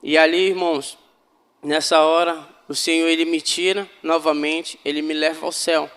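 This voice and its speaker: A man's voice: on the high side, little pitch movement, moderate pace, fairly bright tone, clean tone, long reverb tail. A man giving a fervent spiritual testimony to a congregation, often calling them brothers. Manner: fervent, addresses listeners as brothers. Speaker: church member giving testimony.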